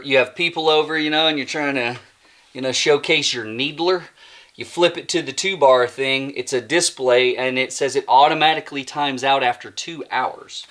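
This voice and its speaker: A man's voice: medium pitch, a bit bright. Chatty man hosting a toy review. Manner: rambling, self-mocking, chatty. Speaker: toy reviewer, channel host. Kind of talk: casual hands-on product review.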